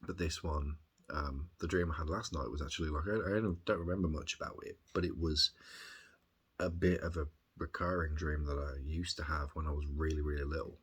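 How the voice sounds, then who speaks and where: An extremely deep-voiced man from Birmingham, speaking with the local accent. His voice is husky and rough-edged. He recounts things in a casual, reflective diary style, pausing and rambling as he gathers his thoughts. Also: fairly even intonation. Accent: Birmingham English. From Birmingham, England. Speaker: video diarist.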